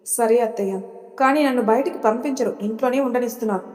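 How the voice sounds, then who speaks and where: A woman's voice: fairly high pitch, fast, darkish tone, close to an everyday voice. A woman voicing a timid, polite young wife. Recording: reverberant room.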